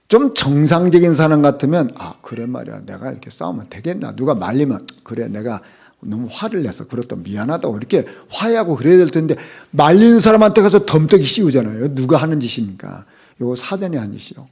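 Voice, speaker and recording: A middle-aged male pastor preaching with a lively, rising and falling delivery. His voice sits a little high for a man. He hammers points home with rhetorical questions, swinging between loud stresses and hushed asides. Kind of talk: sermon.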